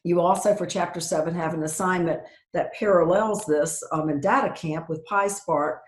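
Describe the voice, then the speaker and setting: A woman's voice: lowish voice, normal speed, echoey room. A woman professor giving a casual university lecture over a video call, with frequent ums and self-corrections. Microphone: video call computer mic.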